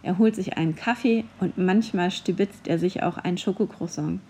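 A woman voicing a kindly owl mascot in a children's audiobook, speaking calmly and reassuringly. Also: on the low side, moderate pace, natural voice. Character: kindly wise owl, helpful school mascot.

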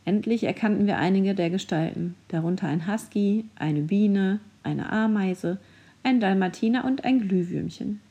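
A woman narrates a children's adventure story as an audiobook. Her delivery is clear and suited to storytelling. Her voice sits at a middle pitch and sounds mellow and warm. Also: normal speed.

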